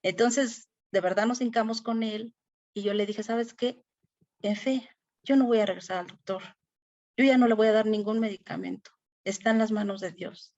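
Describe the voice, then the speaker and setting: A woman's voice: medium pitch, steady tone, moderate pace, darkish tone, lo-fi sound. A middle-aged woman, sharing a personal faith testimony in a Bible study class, earnest and emotional with many fillers.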